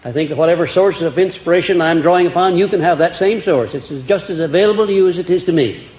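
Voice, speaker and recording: With a high, darkish voice and a quick pace, an older man delivers an earnest, rambling lecture, answering the audience with restarts and rhetorical questions. The old archival recording captures an echoey hall with faint hiss.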